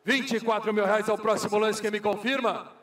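A man's voice: high voice, fairly even intonation, brisk, a bit bright. A Brazilian man working as a car auctioneer, calling bids in a repetitive, formulaic chant. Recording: echoey hall, far from microphone.

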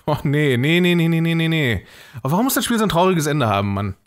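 A man's voice: on the high side, sing-song, fast talker. A man hosting a let's play, reacting emotionally and swearing casually as he comments on the game. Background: game music.

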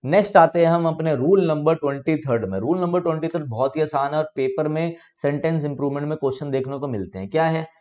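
A young man teaches a grammar lesson for exam students in a mellow, relaxed voice pitched a little high. He explains patiently and keeps checking that his listeners follow. He reads English example sentences out slowly and deliberately. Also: muffled recording. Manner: explains patiently, asks "ठीक है?" to check understanding.

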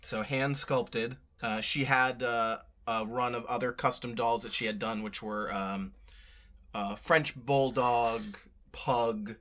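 A man in his thirties chatting casually as a vlog co-host, explaining things in a halting way as he thinks aloud. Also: medium pitch, fairly even intonation, pushed and bright. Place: indoor room full of collectibles.

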